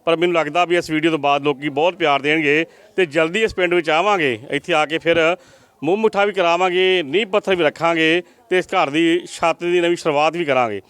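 A man's voice: on the high side, fairly quick, a bit bright, clear, resonant tone, no echo. A man reporting from a poor family's village home, making earnest appeals to viewers for help.

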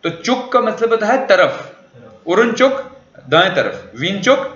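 Male teacher, lively pitch, asks the class questions, echoey dull recording. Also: a little slow. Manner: quizzes students with repeated questions. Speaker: language teacher. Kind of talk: classroom lecture.

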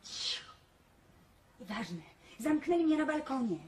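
A bossy father giving hushed orders. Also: extremely high pitch, big pitch swings, slow, distant mic, noisy background, full character voice. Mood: urgent. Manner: urgent, hushed, commanding. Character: bossy scheming father, middle-aged man. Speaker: father locked on a balcony. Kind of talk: sitcom acting.

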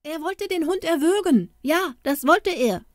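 A woman's voice: extremely high pitch, animated, measured pace, no room sound, studio quality, pitched above the performer's own voice. A woman voicing a rowdy crowd of mocking street boys calling out and jeering. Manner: cheering, jeering calls.

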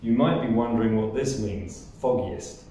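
A man's voice: fairly low pitch, normal speed, mellow, a little hiss or hum. A man with a New Zealand accent teaching English phrases, acting out each example with exaggerated intonation. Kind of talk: scripted language lesson. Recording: echoey room, mic at a distance.

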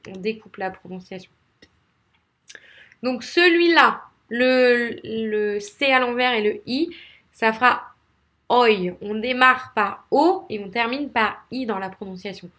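A woman with a French accent gives an English pronunciation lesson in a slightly high, unhurried voice. She repeats each sound several times over and speaks directly to her viewers, encouraging them to try it themselves. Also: fairly bright tone. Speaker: English teacher.

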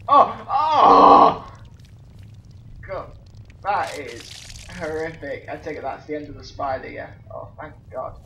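Jumpy and foul-mouthed, a gamer narrates his let's play at a moderate pace in a slightly high voice, crying out at each scare. The sound is echoey and a little dull, with faint noise underneath.

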